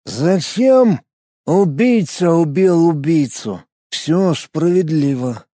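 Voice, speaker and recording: A man voicing a drunk, bitter policeman who talks slowly and with a slur. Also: high voice, mellow, no echo, studio quality. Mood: sullen. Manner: slurred, slow, surly. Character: drunk bitter male cop, gruff and sullen.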